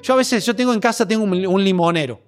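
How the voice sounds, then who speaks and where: High-voiced Rioplatense preacher. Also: male voice, fast talker, faint music behind. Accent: Rioplatense Spanish. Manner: earnest, repetitive, anecdotal. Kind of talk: sermon.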